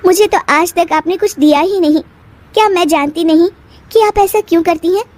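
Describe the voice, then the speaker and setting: A woman voicing a sharp-tongued, defiant young wife in a cartoon, with shrill retorts. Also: expressive, normal speed, no room sound. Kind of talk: cartoon voice acting.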